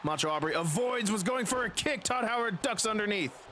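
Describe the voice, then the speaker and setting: Male wrestling commentator, high voice, excited play-by-play, dramatic announcer delivery, faint background noise. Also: fairly quick.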